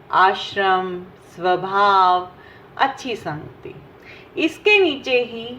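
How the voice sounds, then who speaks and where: A woman's voice: on the high side, a bit bright. A woman teacher working through a textbook exercise for young children, patiently asking questions and answering them herself. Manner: slow and patient, asks and answers her own questions. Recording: dull lo-fi recording with faint hiss.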